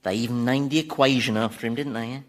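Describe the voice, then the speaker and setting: A man's voice: medium pitch, fairly even intonation, fast talker, close to an everyday voice. A British man playing a smug, sardonic Satan in a radio sitcom, teasing with mock innocence and drawling sarcastic asides. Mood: smug mockery.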